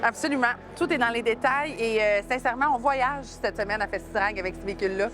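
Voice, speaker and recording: Enthusiastic, higher-voiced Quebec French woman. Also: fast talker, noisy background. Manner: enthusiastic, playful. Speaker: show co-host. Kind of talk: casual on-camera chat.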